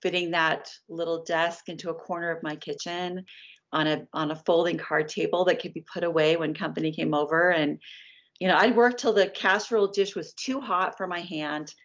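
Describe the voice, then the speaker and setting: A woman in her fifties telling the story of her career as a guest in an interview, lively and chatty. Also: fairly low pitch, moderate pace. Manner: animated storyteller, acts out quoted voices. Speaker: licensed artist, guest. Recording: dull lo-fi sound.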